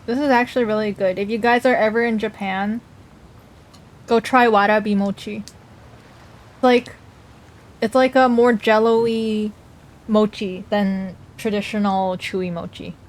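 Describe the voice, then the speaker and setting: A woman's voice: mid-range voice, steady tone, measured pace, pauses often. A woman livestreamer chatting casually, reacting to chat messages and talking while she eats.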